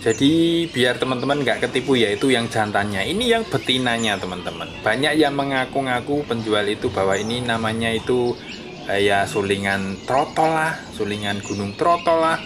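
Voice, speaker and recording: An animated man with a mid-range voice chats casually at a moderate pace while filming his birds outdoors with a phone, standing on paving by the cages. He's friendly and explanatory, often addressing "friends" with a falling tail, and the phone recording has clear background noise.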